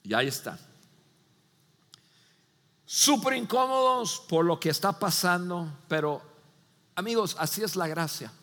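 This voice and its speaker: A man delivers a sermon in a high, bright voice with some gravel in it, and his words ring out in a hall with long reverb. He tells the story with energy, acting out the characters and restarting his phrases often. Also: unhurried, pauses often. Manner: animated storytelling, acts out voices, many restarts. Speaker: pastor.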